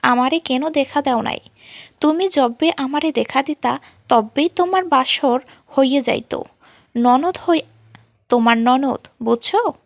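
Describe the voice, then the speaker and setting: A woman voicing a loud, excitable young woman friend who jokes and teases in rural dialect slang. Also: sits high, gravelly, dry recording. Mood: excited. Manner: rapid joking rural-dialect banter.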